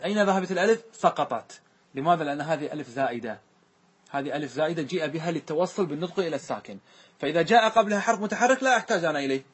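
Husky-voiced man teaching a class. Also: fairly high pitch. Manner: questioning students, repeating answers. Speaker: teacher explaining grammar verses. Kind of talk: classroom lesson.

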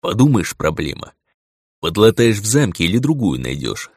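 A man's voice: fairly low pitch, big pitch swings, moderate pace, darkish tone, husky, no echo, clean studio sound, heavily acted. A man voicing a surly ancient wolf god. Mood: weary. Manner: brusque, growling reproach.

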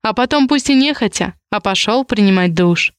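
A woman narrating an audiobook in an even, measured reading style. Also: mid-range voice, clear, resonant tone, no room sound, clean studio sound.

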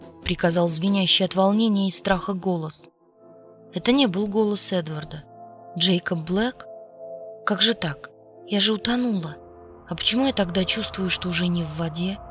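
A woman narrating a story in the first person, in an intimate storytelling manner. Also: fairly low pitch. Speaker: audiobook reader. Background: faint music.

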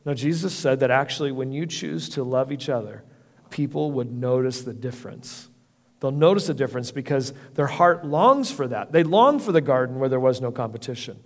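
A man's voice: medium pitch, expressive, moderate pace. A middle-aged man preaching a sermon as pastor, earnest and conversational, often restarting his phrases. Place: church hall. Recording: long reverb of a church hall.

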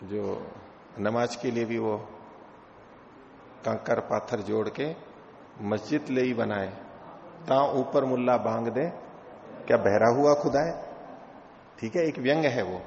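A man's voice: medium pitch, vocal fry, a little mellow, a little hiss or hum. A man teaching scripture in a lecture, explaining step by step, asking rhetorical questions, and chanting Sanskrit verses between explanations. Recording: echoey hall, dull lo-fi sound.

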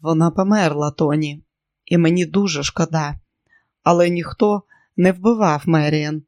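A reader voicing an older male doctor who speaks in a measured, regretful way, in an audiobook. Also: mid-range voice, a little mellow, no echo, lightly acted.

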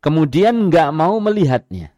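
Male religious teacher. Conversational lecture with rhetorical questions, lively pitch, dry close sound. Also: a little slow, no room sound. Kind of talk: mosque study lecture. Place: mosque.

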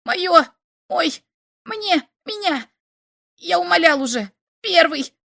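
A woman's voice: sits high, animated, normal speed, a bit bright, dry recording, studio quality, voice pushed up. A woman voicing a small male alien who begs in a breathless, wheedling way. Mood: frantic.

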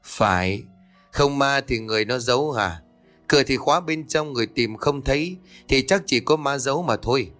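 A gruff, commanding old exorcist from a spoken ghost story, as a male narrator reads him. His voice sits at a middling pitch, with faint music in the background. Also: animated, moderate pace, a bit bright, lightly acted. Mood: stern.

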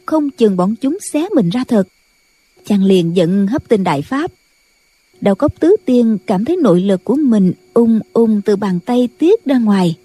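Husky woman narrating an audiobook. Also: mid-range voice, mellow. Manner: measured storytelling. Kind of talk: scripted narration.

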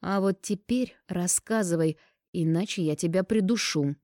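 A woman's voice: lowish voice, a little mellow, no room sound, clean studio sound, lightly acted. A woman reading an audiobook and voicing a nosy young woman friend who teases, pouts and takes offence easily. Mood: teasing. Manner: teasing, indignant, quick to take offence.

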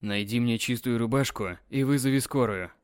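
A man voicing a calm, insistent, controlling husband in an audiobook, soothing but commanding. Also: mid-range voice, normal speed, clear, resonant tone, no echo, clean studio sound, close to an everyday voice. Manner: firm, soothing yet commanding. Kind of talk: audiobook character reading.

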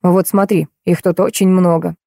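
A woman doing a brusque middle-aged police major who barks his orders in a slow, solemn voice. The tone is mellow and a little low, and the recording sounds dry and close, like a storybook reading. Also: flat delivery, gravelly, no echo. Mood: gruff. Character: gruff male police major, stern and brusque.

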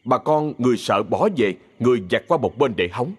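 Fields: Man, Southern Vietnamese storyteller, husky. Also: medium pitch, animated, fairly quick, darkish tone. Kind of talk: ghost-story narration.

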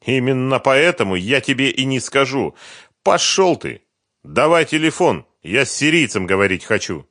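A man's voice: mid-range voice, big pitch swings, unhurried, a bit bright, dry recording, clean studio sound, voice pushed up. A man voicing a stubborn, worn-out hunted man in an audiobook, clipped and insistent. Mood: defiant.

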